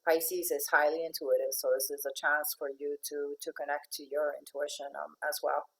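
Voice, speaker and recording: A low-voiced Finnish woman who was raised in Venezuela talks informally to an online audience as an astrological life coach. She's chatty, uses lots of fillers and restarts, and laughs often. The recording is rough.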